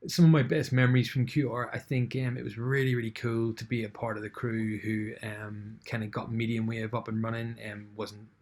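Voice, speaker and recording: A man's voice: medium pitch, little pitch movement, brisk, few pauses, a little mellow. A middle-aged man speaking casually and a little hesitantly, with a missing front tooth. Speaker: former radio station manager and presenter. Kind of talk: casual self-recorded message.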